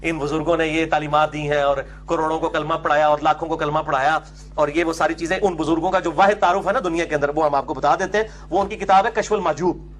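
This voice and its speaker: A man's voice: fairly high pitch, fairly even intonation, quick pace, fairly bright tone, a little hiss or hum. A man giving a religious lecture to an audience, emphatic and argumentative, often asking and answering his own questions.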